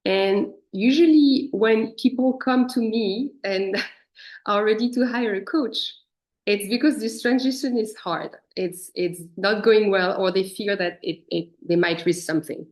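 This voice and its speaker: A woman addresses a church congregation from far away over a video call, her pitch sitting right in the middle of the usual range. She talks as a leadership coach, in a reflective way that asks listeners to recall their own experiences. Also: measured pace, a little mellow. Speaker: guest speaker and leadership coach. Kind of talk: guest talk to a church congregation. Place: speaking remotely from abroad.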